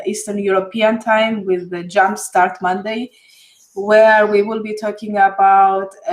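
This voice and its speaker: A woman co-hosting a live stream, giving the weekly announcements in a hesitant way with fillers. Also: mid-range voice. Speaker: co-host, makes announcements. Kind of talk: reading out announcements.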